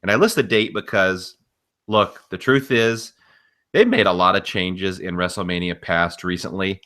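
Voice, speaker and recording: As a podcast co-host, a man with a fairly low, very bright and forceful voice discusses wrestling news. He's casual yet blunt and opinionated, swearing freely, with lively intonation at a normal speed.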